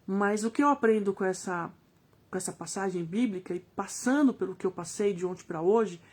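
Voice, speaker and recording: A woman with a Brazilian Portuguese accent gives a live devotional reflection to viewers, speaking earnestly and pausing to search for words. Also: mid-range voice, darkish tone.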